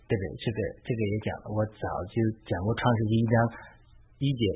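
A man's voice: on the low side, little pitch movement, quick pace, slightly rough. A man preacher retelling a scripture story as a sermon. He speaks informally and acts out the quotes. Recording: tinny phone-like sound, faint hiss.

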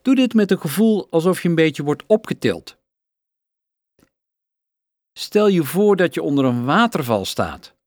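Male meditation guide: very unhurried, calm, soothing scripted delivery in a dry recording. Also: mid-range voice, no echo.

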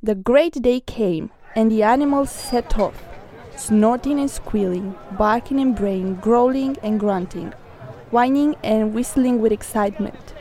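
A woman narrating a folk tale in a clear, measured storybook reading. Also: on the high side, mellow.

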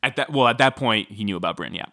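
A man's voice: on the low side, fast, dry recording, studio quality. A man casually recounting a true-crime story as podcast co-host, chatty with many fillers. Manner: chatty, filler-heavy, animated when quoting.

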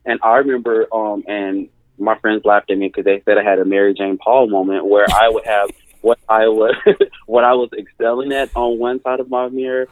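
A man's voice: fairly low pitch, flat delivery, moderate pace, slight background noise. A male therapist from California, speaking earnestly and emphatically as a guest in an interview, repeating his key phrases. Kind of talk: conversational interview. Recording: tinny phone-line sound.

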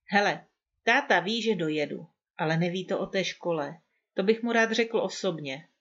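A woman's voice: fairly low pitch, animated, fairly bright tone, muffled recording. Woman voicing a breezy, carefree young son. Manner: breezy, persuasive, talks back.

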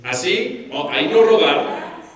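Male rabbi, fairly high voice, echoey room, distant mic. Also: takes it slowly. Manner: asks the audience questions, animated. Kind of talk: Torah class to a live audience.

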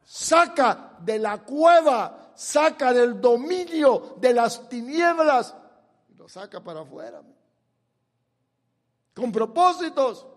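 A man preaching a sermon, swinging from quiet asides to loud, forceful declarations. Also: extremely high pitch, very animated, takes it slowly, big-room sound. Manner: dramatic swings from soft to shouted.

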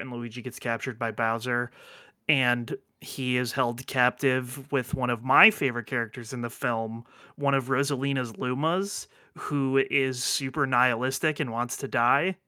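A man's voice: mid-range voice, fairly even intonation, normal speed, bright, forceful tone, dry recording, studio quality. A man hosting a podcast in casual chat, rambling with lots of fillers, restarts and offhand swearing. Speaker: podcast host.

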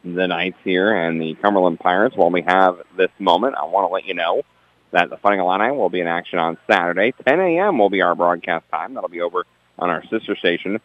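A man with a very low voice delivers local radio sports commentary in a steady, dense announcer style. His voice has a radio broadcast sound, dull and lo-fi. He reads scores and station promotions at an even clip. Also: brisk, no room sound.

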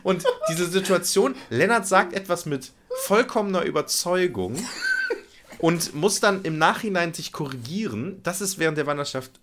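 A man's voice: sits high, moderate pace, a little hiss or hum. Young guy rambling through a funny story, voice jumps all over, does the other people's lines. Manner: animated storyteller acting out quoted dialogue. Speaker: podcast co-host. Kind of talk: casual anecdote telling.

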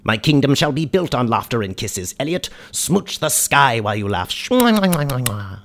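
An actor playing a goofy, cheerful ghost of a warlord in a comedy radio sketch, talking in a whimsical, rambling way. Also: male voice, mid-range voice, lively intonation, moderate pace, fairly bright tone, slight background noise. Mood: gloating. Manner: whimsical, rambling, sing-song.

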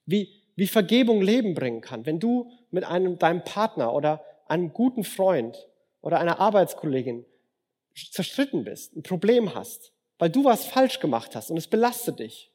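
Lively preacher man in a reverberant hall. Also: high-pitched, normal speed. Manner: lively, acts out dialogue, wide swings from loud to hushed. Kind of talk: sermon.

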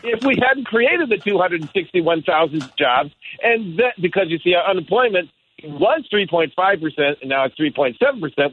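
Caller, male, heard over the phone: high, lively voice, wry and talkative, tinny phone-line sound. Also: a little hiss or hum. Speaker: caller to a radio talk show. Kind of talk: casual political call-in chat.

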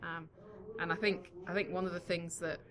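Woman, slightly low voice, casual football chat, thoughtful, measured. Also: steady tone, crowd noise. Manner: thoughtful, measured, repeats words while thinking. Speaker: podcast co-host.

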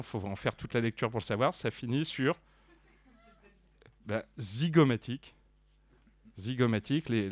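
A man's voice: mid-range voice, no echo. Rambling hesitant man, dry close sound. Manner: rambling, hesitant, full of restarts and fillers. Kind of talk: deadpan mock book review.

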